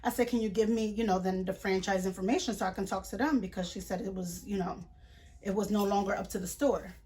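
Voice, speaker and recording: A young woman tells a story to her vlog audience in a casual, indignant voice. She talks in quick runs of retold dialogue with plenty of fillers and restarts. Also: medium pitch, fairly even intonation, darkish tone, soft background music. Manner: indignant, chatty retelling with many fillers. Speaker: vlogger.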